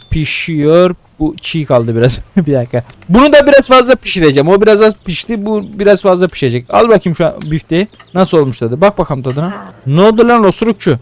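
A young man plays a cooking game and talks through it in a loose, excitable way, grumbling, swearing and scolding the customers as he goes. His voice sits a little high for a man. The sound is dry and close, with no room around it. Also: no room sound. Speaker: gaming YouTuber. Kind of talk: casual let's-play commentary.

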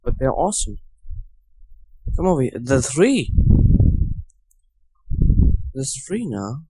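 Young man, bossy and eager, gaming commentary, mid pitch, dry sound. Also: big pitch swings, takes it slowly, mellow, husky, no room sound, poor audio. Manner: bossy, eager, repeats commands. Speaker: gameplay commentator.

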